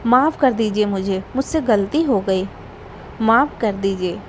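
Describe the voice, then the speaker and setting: A woman's voice: medium pitch, unhurried, a little hiss or hum, lightly acted. A woman voicing a sly, newly married young wife who shifts blame onto others. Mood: pleading. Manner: pleading, two-faced.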